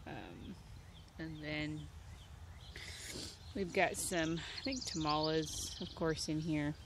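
With a deep, steady voice and a slow delivery, a woman in her thirties rambles casually through her backyard garden, filling her thoughts with ums. A handheld phone captures her outdoors. Birds, nature sounds, and other background noise surround her.

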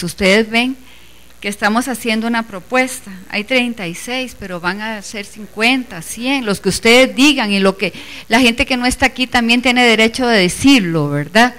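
This woman's pitch is fairly high and her tone a bit bright. She gives a meeting speech before an assembly of teachers on behalf of the organizing committee, earnest and emphatic, using inclusive language toward her listeners.

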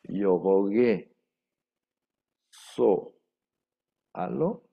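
Man, language teacher, slow careful dictation, repeats words, muffled lo-fi recording. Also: fairly low pitch, lively intonation, vocal fry, husky. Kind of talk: slow repetitive language class. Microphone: microphone. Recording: dull lo-fi room microphone.

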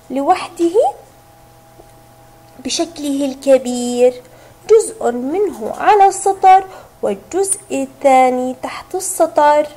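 A woman teacher giving a recorded reading lesson to young children, sounding out syllables slowly and stretching each word. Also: high-pitched, dark tone. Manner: slow, drawn-out syllables, sounding words out. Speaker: kindergarten teacher.

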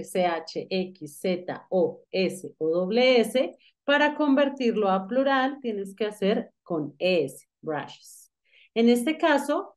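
A woman's voice: mid-range voice, a little mellow. A woman teaching an English grammar lesson, explaining patiently and asking the student questions as she goes. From Colombia.

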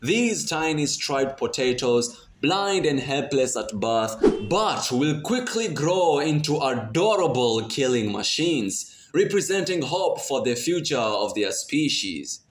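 A man's voice: medium pitch, big pitch swings, takes it slowly, few pauses. A man reading scripted nature documentary narration in a dramatic way with a playful edge. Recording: roomy voice-over, faint noise.

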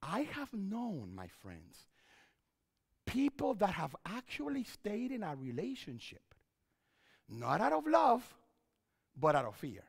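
A middle-aged man, a pastor and counselor, gives an animated seminar talk from a church stage with a headset mic, often repeating his phrases. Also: high voice, slow pace, vocal fry, pauses often, slightly rough, long reverb tail. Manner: animated, repeats phrases, wide hand gestures while pacing.

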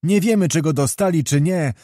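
Scared peasant folk, pleading, higher and louder, a guy voicing them. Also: moderate pace, dry recording, studio quality, natural voice. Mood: frightened. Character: frightened peasant refugees, simple and pleading.

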